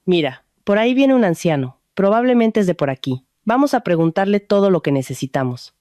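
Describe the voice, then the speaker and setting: A woman's voice: mid-range voice, a little fast, dry recording, clean studio sound, close to an everyday voice. A woman voicing a playful, joking young woman friend in a storybook reading, speaking in a teasing way. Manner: teasing, lively.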